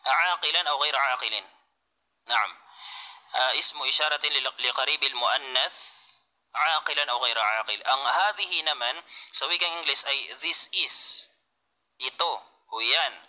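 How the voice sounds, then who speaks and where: Male teacher, very bright tone, patient and repetitive delivery. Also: fairly high pitch, rough recording. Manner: patient, repeats key points, answers students. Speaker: Arabic teacher. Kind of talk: online class lecture.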